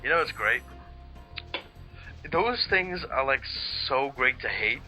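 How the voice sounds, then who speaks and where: A man's voice: mid-range voice, animated, slow, sharp tone, faint music behind, low-quality recording. A young adult man co-hosting a let's play with joking, sweary casual banter.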